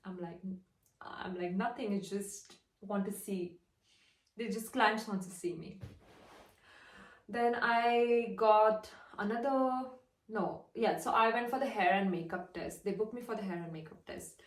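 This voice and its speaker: A woman's voice: mid-range voice, measured pace. A young woman in her twenties from India, with an Indian English accent, chatting casually as she tells a story and acts out the dialogue. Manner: chatty, retells dialogue with "I'm like". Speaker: fashion model. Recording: roomy, distant mic.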